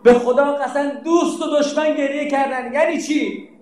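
A man preaching with fervor, his high voice rising into cries and chanted elegy. He is heard from a distance, and his voice rings around a big, very echoey hall. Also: fairly even intonation, a little mellow. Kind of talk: mourning sermon with chanted elegy. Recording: very echoey from far off.

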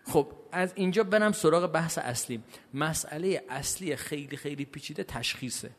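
High-voiced man lecturing in a hall. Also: expressive. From Iran. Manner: asks the audience questions and answers them himself; pace and loudness swing widely, from slow stresses to quick asides. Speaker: cleric giving a religious talk. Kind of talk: lecture to a live audience. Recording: long hall reverb.

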